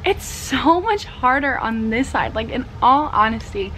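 Recorded roughly, a fairly bright, higher-pitched voice with lively intonation and a slightly slow delivery belongs to a young college sorority girl vlogging in a bubbly, casual way and leaning heavily on "like." She holds the camera at arm's length inside her small dorm room, where room noise comes through clearly on its mic.

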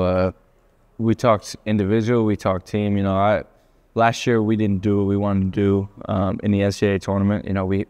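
A young man, a college athlete, answers interview questions over dinner in an easygoing way. His voice sits a little low for a man, and he often restarts and repeats words as he thinks. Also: mellow, dull audio. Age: young adult. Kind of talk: casual interview chat. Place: indoors at a dinner table.

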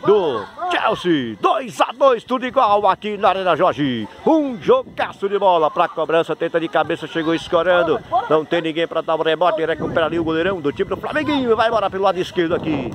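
Fast-talking Brazilian man calling a match. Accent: Brazilian Portuguese. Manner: rapid excited play-by-play, repeats team names. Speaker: match commentator. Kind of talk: live football commentary. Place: outdoor youth football pitch. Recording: noisy crowd at outdoor pitch. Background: crowd and players shouting.

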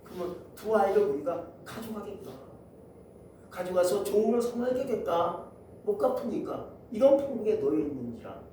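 A man's voice: high voice, expressive, normal speed, dark tone, slight background noise. A man playing a blunt creditor demanding payment. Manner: blunt and pushy. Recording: echoey church from far off.

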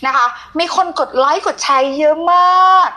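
A woman's voice: high voice, normal speed, sharp tone. A woman hosting a conversational television interview, speaking affectionately to her guest like an older sister. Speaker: TV show host.

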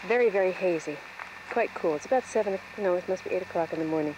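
A woman's voice: on the low side, fast talker, background noise. A woman filming a home video outdoors, describing the scene as she goes, recorded on an old VHS camcorder tape. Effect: old VHS camcorder tape sound. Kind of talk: casual commentary while filming. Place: outdoors by the water.

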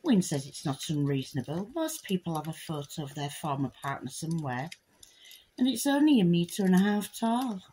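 A woman with a fairly low voice reads a parody picture book aloud as a bedtime story. Her delivery is dry and deadpan. A faint hiss of noise sits under her voice. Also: moderate pace, poor audio. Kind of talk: comic bedtime story reading.

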